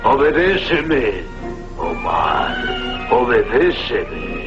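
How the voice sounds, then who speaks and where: A man's voice: mid-range voice, very animated, drawn-out words, reverberant. A man voicing a sinister stage mystic in a dubbed cartoon, solemn and commanding like a seance medium ordering his entranced slave. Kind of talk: dubbed superhero cartoon acting. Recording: dull lo-fi cartoon soundtrack with music.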